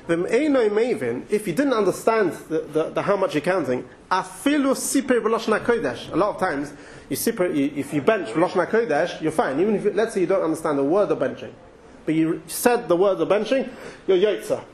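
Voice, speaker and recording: A man's voice: a little high, a little hiss or hum. A man with an English accent giving an informal Torah talk, chatty and thinking aloud with frequent restarts and asides. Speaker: Torah teacher.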